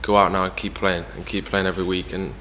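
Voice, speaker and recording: Guesting in an interview, a young adult footballer from Ireland speaks fast and casually, leaning on fillers such as "you know." His low, fairly bright voice barely moves in pitch, with big-room sound and slight background noise.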